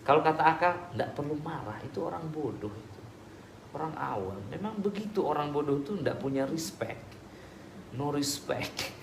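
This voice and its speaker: A man preaching and answering audience questions in a relaxed, conversational way with everyday examples. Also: fairly high pitch, normal speed, creaky. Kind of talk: casual religious Q&A talk. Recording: echoey room with background noise.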